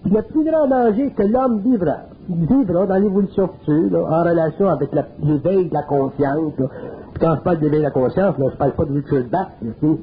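A man with a Quebec French accent gives a spiritual talk in a high voice, colloquial and earthy. He drives his points home with emphasis. The recording is narrow and phone-like, with a faint hiss. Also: brisk. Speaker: speaker. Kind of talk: spiritual lecture. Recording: narrow phone-like old tape.

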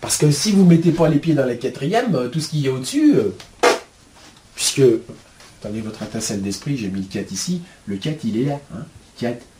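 A man's voice: mid-range voice, expressive, brisk, warm tone, slight background noise. A man giving a spiritual lecture at a board, colloquial and blunt, full of asides. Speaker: spiritual teacher.

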